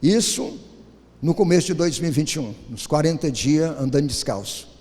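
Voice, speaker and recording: A man preaching a sermon in a church, telling stories with animated delivery and often asking the congregation "isn't it?". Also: a little high, normal speed. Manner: animated storyteller, often turning to the congregation with "querido" and "não?". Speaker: pastor. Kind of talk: sermon with storytelling. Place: church sanctuary. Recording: church hall with long reverb.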